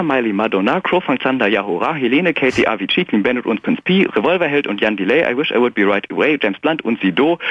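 Brief: male radio caller, poetry recital, dry husky voice, muffled phone sound. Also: mid-range voice, no echo. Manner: hesitant with fillers in talk, rhythmic in verse. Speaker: caller reciting his poems. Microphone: telephone. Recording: dull phone-line sound.

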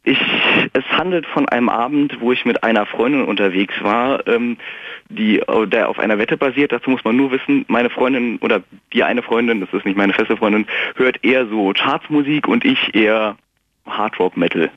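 Brief: male radio caller, poetry recital, dry husky voice, muffled phone sound. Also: mid-range voice, moderate pace, dry recording. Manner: hesitant with fillers in talk, rhythmic in verse. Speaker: caller reciting his poems. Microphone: telephone. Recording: dull phone-line sound.

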